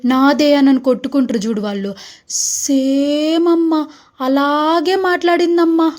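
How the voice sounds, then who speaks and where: High-voiced woman in a gossipy comic skit. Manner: chatty, gossipy, scolds and threatens loudly. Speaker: comic sketch creator. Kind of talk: one-woman comedy skit, mother scolding daughter.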